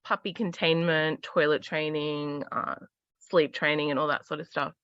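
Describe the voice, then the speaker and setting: A woman's voice: deep voice, fairly even intonation, normal speed, clean tone, dry recording, highs cut off. A woman dog trainer explaining things in a casual chat, confident and often checking in with "right?".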